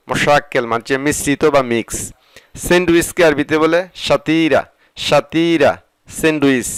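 A man with a Bangladeshi Bengali accent teaching Arabic vocabulary, explaining each word slowly and repeating it. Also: mid-range voice, clean tone, no room sound, rough recording. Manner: slow repetitive word-by-word explanation. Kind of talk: vocabulary lesson.

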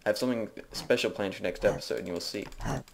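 Deep-voiced man rambling over gameplay. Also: rapid-fire, vocal fry, a little hiss or hum. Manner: rambling, jokey self-narration. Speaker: video game let's player. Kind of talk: casual gameplay commentary. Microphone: desk microphone.

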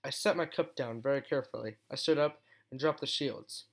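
A man reads a fan story aloud in steady first-person narration. His voice sits at an ordinary middle pitch. Now and then he stumbles over a word and corrects himself. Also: brisk, vocal fry. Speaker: fan fiction reader.

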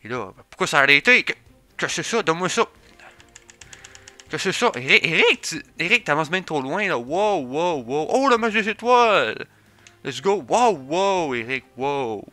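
A man putting on an excitable, boastful young male sidekick, loud and eager. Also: on the high side, moderate pace, faint music behind, pitched above the performer's own voice. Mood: excited.

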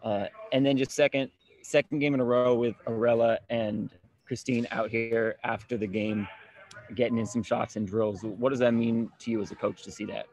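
A man's voice: mid-range voice, little pitch movement, moderate pace, darkish tone, low-quality recording. A male reporter with a mid-range voice puts two direct questions to a coach at a press conference. He sounds plain and conversational.

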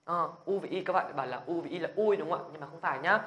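A man's voice: a little high, very fast, pushed and bright. A man teaching a beginner language lesson who keeps asking his viewers whether they follow, then drills the sounds aloud with energy. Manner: patient, checks in with the viewers after every point.

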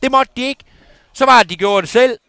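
A man's voice: extremely high pitch, bright, forceful tone, clear, resonant tone, dry recording. A man playing a gossipy, indignant middle-aged housewife in a comic monologue, rambling on and asking for agreement every few words. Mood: indignant gossip. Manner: rambling, keeps adding "ikke også" for agreement.

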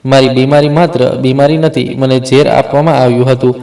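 Sick guy in a hospital bed, weary and low-key, steady monotone, read by a man. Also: a little fast, vocal fry, natural voice. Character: weak, poisoned village man, tender.

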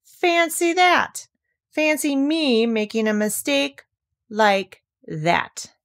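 Brisk mother kangaroo for a storybook, acted by a woman: nannyish, coaxing, unruffled, very animated. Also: high voice, pitched above the performer's own voice, full character voice. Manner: nannyish, firm, singsong coaxing.

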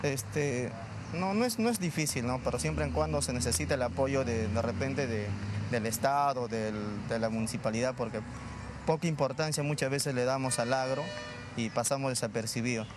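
A man's voice: medium pitch, moderate pace. A young male farmer answering plainly and hesitantly in a live outdoor interview on a reporter's mic. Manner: plain, hesitant, many "este" fillers. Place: outdoor plaza stand, in the city. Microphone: reporter's handheld mic. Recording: street noise behind.

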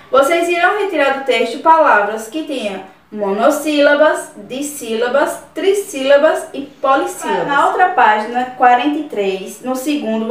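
A woman with a Brazilian Portuguese accent, a primary school teacher giving a recorded class to children, explaining slowly and repeating words syllable by syllable. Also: sits high. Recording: very echoey room, voice from far off.

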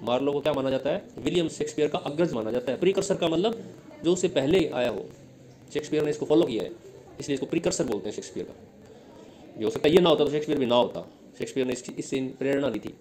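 A man with an Indian accent giving an exam-prep lesson, asking questions and answering them himself, reading English lines slowly. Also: mid-range voice, a little mellow, a little hiss or hum, poor audio. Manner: explains in Hindi, reads English lines slowly. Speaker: teacher.

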